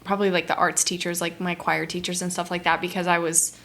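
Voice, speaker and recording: Chatty bright-voiced young woman. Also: on the low side, level tone, fast talker. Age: young adult. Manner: chatty, lots of "like" fillers. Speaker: podcast guest. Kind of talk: casual chat.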